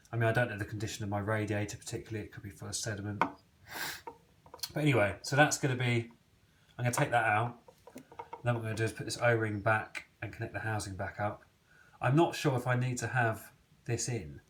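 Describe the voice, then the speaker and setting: A man's voice: on the low side, a bit bright, breathy edge, low-quality recording. A man giving casual, self-deprecating how-to commentary as he works on a repair, thinking aloud with frequent ums. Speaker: DIY mechanic vlogger.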